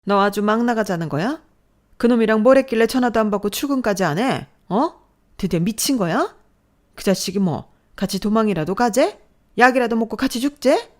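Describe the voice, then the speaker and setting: A woman's voice: medium pitch, big pitch swings, moderate pace, voice pushed up, natural voice. Woman acting out a screaming, furious mother-in-law. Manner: shouting, scolding. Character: furious domineering middle-aged mother-in-law.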